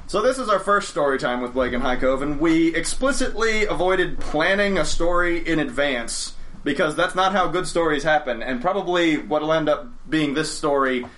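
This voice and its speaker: A man's voice: on the high side, expressive, moderate pace, hardly any pauses, fairly bright tone, slight background noise. A young man chatting on a podcast as a storyteller, rambling and correcting himself as he goes. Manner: rambling, self-correcting, chuckles often. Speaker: game store owner, podcast storyteller. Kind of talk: casual podcast chat. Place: studio.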